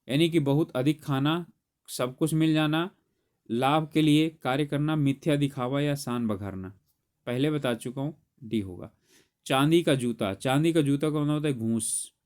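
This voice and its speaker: A man's voice: mid-range voice, a little mellow. Guy going through an exam paper, explains each answer, fixes himself mid-line. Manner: explains step by step, corrects himself mid-sentence. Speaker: exam coaching teacher. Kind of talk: solving an exam paper aloud.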